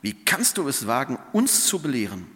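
A man reading aloud as a group of indignant religious leaders, raising his pitch into insistent questions, in a space with long church reverb. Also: very animated, moderate pace, fairly bright tone.

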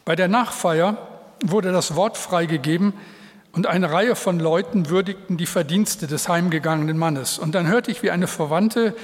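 A middle-aged male pastor preaching an earnest, heartfelt sermon to his congregation, with pauses between phrases. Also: high-pitched. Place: church hall. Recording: reverberant church hall. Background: long reverb.

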